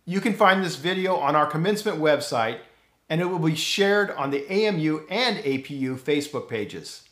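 Upbeat middle-aged man, echoey room. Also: on the high side. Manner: upbeat, encouraging announcer tone. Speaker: university official introducing the ceremony. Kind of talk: scripted ceremony announcement. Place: home office with bookshelves. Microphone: fixed camera, chest-up framing.

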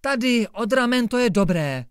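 A man's voice: very high voice, lively intonation, clean tone, no echo, clean studio sound, voice pushed up. A man doing a fussy, vindictive gendarme. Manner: fussy, nitpicking. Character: critical, vindictive male village gendarme.

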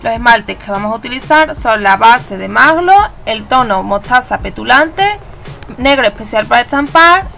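A woman's voice: fairly high pitch, creaky, sharp tone. A woman from Spain with a Spanish accent, hosting her nail art channel and narrating a step-by-step tutorial in a chatty, instructive way. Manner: instructive, chatty, self-correcting. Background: faint background music.

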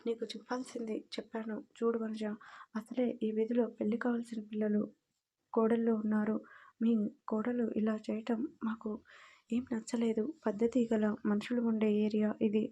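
A disapproving neighbor woman lectures sternly about proper conduct, played by a woman reading the story. The voice sits fairly high but barely moves in pitch. It sounds soft and husky. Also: completely flat delivery, normal speed.

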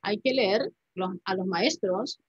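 A husky, mid-range voice speaks slowly here, belonging to a poet and writer in her fifties who is a guest on a video call. She's a native Spanish speaker, thoughtful and reflective, tagging many phrases with a questioning "¿no?" from a home room with paintings. Captured on a laptop webcam mic, the call audio is dull and dry.

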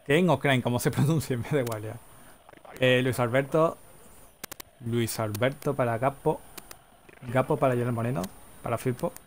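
This livestreamer calls a football video game in a medium-pitched voice, firing off player names at speed. Slight background noise marks the rough recording, and he bursts into extended goal cries.

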